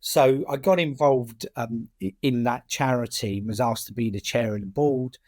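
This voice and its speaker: A man's voice: mid-range voice, moderate pace, a little mellow, no room sound, studio quality. A man with a British working-class accent answering in a conversational interview, often repeating words and restarting sentences as a campaigner. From United Kingdom. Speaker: charity chair and campaigner.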